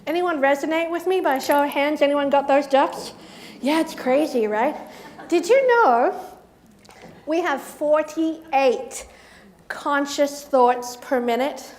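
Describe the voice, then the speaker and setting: A woman business coach giving a motivational talk to a live audience, playful and lively, acting out the voices in her head. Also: sits high, slow. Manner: lively, playful, acts out inner voices with mock quotes. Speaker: keynote speaker and business coach. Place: event hall in front of an audience.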